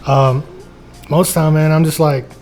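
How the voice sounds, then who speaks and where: A man's voice: a little high, fairly even intonation, normal speed, darkish tone, faint music behind. An American man, a salesman being interviewed, chatting casually in a folksy, earnest way. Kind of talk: casual chat.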